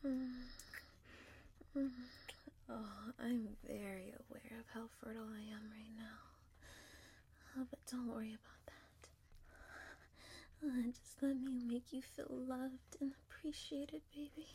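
A woman speaks in a high, airy voice, barely above a whisper. She takes her time over each phrase, soft and affectionate, as if leaning close to the listener. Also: steady tone, a little slow, pauses often, breathy edge. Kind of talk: whispered intimate audio roleplay.

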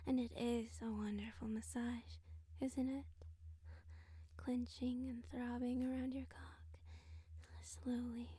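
A woman voicing a sultry, dominant royal creature in a whispered role-play, breathy, seductive and teasing, speaking close to the microphone. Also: fairly high pitch, little pitch movement, dark tone, dry recording, full character voice. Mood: sultry, hypnotic. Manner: slow, seductive, commanding, teasing. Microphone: very close microphone, dry.

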